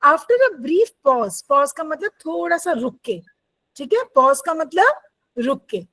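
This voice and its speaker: A woman teacher, reading English lines slowly and explaining them in Hindi with questions to her students. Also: high-pitched, sing-song, a bit bright, no echo, rough recording. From India.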